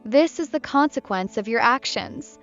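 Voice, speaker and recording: A woman's voice: on the high side, expressive, moderate pace, gravelly. A woman voicing a chatty heartbroken young woman. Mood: tipsy bitter. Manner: bright, chatty, bitter. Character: talkative young woman camper, heartbroken, tipsy. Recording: muffled with soft music behind.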